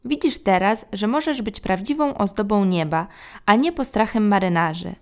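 A woman voicing a kind, resourceful magical mother who talks in a brisk, cheerful, fussing way. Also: medium pitch, expressive, lightly acted.

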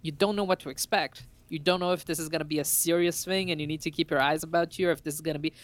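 A lively male podcast co-host telling stories about a game he played. He slips into acted-out quotes and laughs a lot. The recording is dry and close, with no room sound. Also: on the high side, quick pace, no room sound. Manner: animated storyteller, acts out quotes, laughs often. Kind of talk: casual chat about games.

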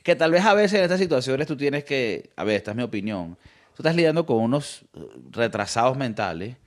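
A Venezuelan man telling a story in casual chat, slangy and animated, acting out the people he quotes. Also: medium pitch, fairly quick. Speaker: podcast co-host.

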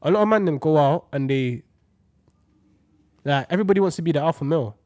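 Young london roadman guy chatting in slang, voice a bit high and all over the place, close dry sound. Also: quick pace, no echo. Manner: animated, emphatic, repeats points for effect. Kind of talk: casual chat with slang.

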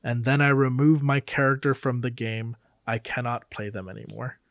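A man's voice: medium pitch, little pitch movement, normal speed, no echo, clean studio sound. A man playing in a tabletop game, musing aloud about his character with frequent fillers. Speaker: player. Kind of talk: casual tabletop game chat.

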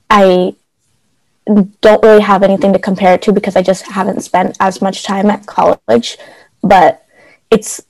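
A young woman from the Bay Area speaks as a panel guest over a video call. Her voice has a strong vocal fry, and the sound is close and dry. She talks earnestly, with a little hesitation. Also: medium pitch, darkish tone, no room sound, poor audio. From San Francisco Bay Area. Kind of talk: casual chat.

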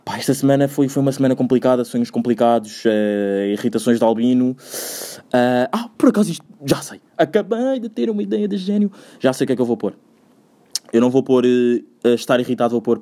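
A man's voice: mid-range voice, dark tone. A young man with a European Portuguese accent hosting a casual solo podcast, rambling, slangy and swearing often, repeating himself as he goes. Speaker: podcast host.

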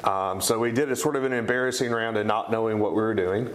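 A man's voice: on the low side, fairly even intonation, fast talker. A middle-aged man with an East Tennessee accent, answering interview questions in a conversational way. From East Tennessee, United States. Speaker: interview guest, company co-founder. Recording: roomy, echoing sound.

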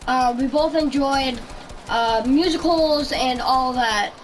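A woman's voice: sits high, slow, a little hiss or hum, rough recording. A woman hosting a casual podcast chat, rambling through her story with lots of ums and likes. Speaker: podcast host.

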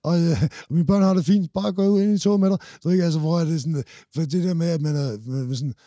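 Man in his forties, podcast guest, rambling, swearing, warm dark tone, dry close sound. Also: fairly high pitch, dry recording. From Denmark. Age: 40s. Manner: rambling, swearing, many restarts. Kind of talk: casual chat.

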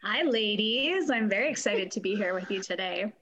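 A woman's voice: mid-range voice, lively intonation, moderate pace, fairly bright tone, dull audio, a little hiss or hum. A woman in her forties from Canada, a guest telling stories in a casual interview, chatty and laughing often. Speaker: guest, fitness testing company and former corrections supervisor.

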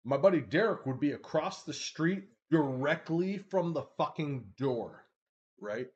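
A man with a fairly high voice tells a story in casual chat. His pitch jumps around a lot, and he swears freely. He keeps checking in with "right?" as he goes. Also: expressive, a little slow, a little mellow, lo-fi sound. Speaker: co-host.

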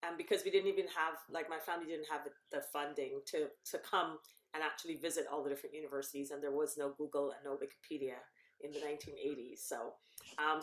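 A woman in her fifties speaks in a low, deep register, laying out her research in long explanations. She catches and corrects herself along the way, and the room around her adds a clear echo. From Barbados. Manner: explains at length, self-correcting with ums. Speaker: professor and cancer researcher. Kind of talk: guest in a podcast interview. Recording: roomy echo.

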